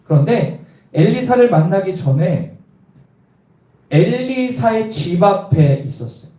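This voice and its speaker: A man's voice: sits high, expressive, measured pace, mellow. A male pastor preaching a sermon, telling the story and quizzing the congregation with questions. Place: church. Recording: echoey room, voice from a distance.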